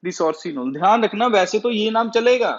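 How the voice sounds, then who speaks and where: Man, chemistry teacher, high voice, question-and-answer lecture style, muffled lo-fi recording. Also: expressive, brisk. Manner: asks the class questions and answers them himself. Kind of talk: classroom lecture. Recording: dull lo-fi sound.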